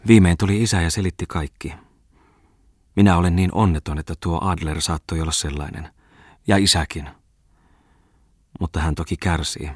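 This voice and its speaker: A troubled, sensitive young woman speaks in a soft, hesitant, pleading way, as a man reads her lines aloud. The voice is husky and low. The sound is dry and close, as in a storybook reading. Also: no room sound.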